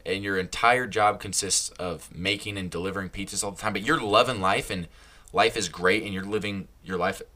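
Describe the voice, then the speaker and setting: A young man talks through a casual solo podcast. His voice sits low but has a bright edge. He rambles, restarts his sentences and laughs at his own slips. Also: steady tone, fairly quick. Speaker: podcast host.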